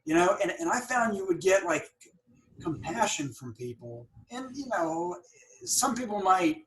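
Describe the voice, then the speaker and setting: A middle-aged dentist and practice owner hosts a conversational podcast interview, speaking earnestly and sometimes stammering or repeating words. His voice is high-pitched, expressive and a bit bright, at a measured pace. The audio quality is poor.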